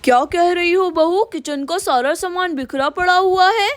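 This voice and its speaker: Casting: fretful old grandfather, voiced high by a woman, for a doll cartoon, dry close sound. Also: moderate pace, dry recording. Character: old village grandfather, worried head of house.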